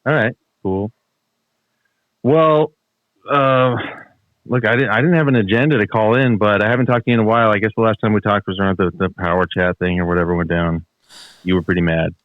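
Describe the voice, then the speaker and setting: A man's voice: fairly low pitch, steady tone, a little fast, dry recording. A man calling in to chat casually over a narrow call connection. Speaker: caller. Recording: tinny phone-like call line.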